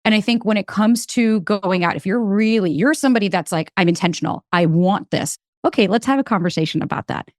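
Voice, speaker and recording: Fast-talking, animated woman guest. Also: mid-range voice, dry recording, studio quality. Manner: animated storyteller, fast and emphatic. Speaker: podcast guest, dating coach. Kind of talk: casual interview chat.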